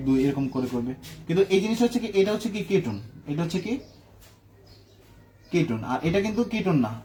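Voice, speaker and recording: A man with a high voice teaches a chemistry class, walking students through the steps. He asks a question and answers it himself, then checks that everyone is following. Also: warm tone, slight background noise. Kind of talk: classroom lecture.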